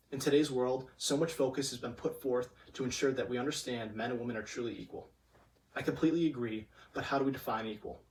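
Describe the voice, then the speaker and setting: A young man giving a prepared persuasive competition speech in a stiff, formal, memorized delivery. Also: mid-range voice. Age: young adult. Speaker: student competition speaker. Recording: distant microphone.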